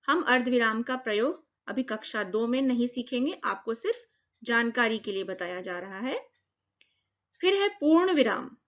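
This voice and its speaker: A woman's voice: fairly high pitch, fairly bright tone. Woman teacher explaining grammar to kids. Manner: clear, explaining step by step. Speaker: primary school teacher. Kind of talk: children's grammar lesson. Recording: dull lo-fi recording.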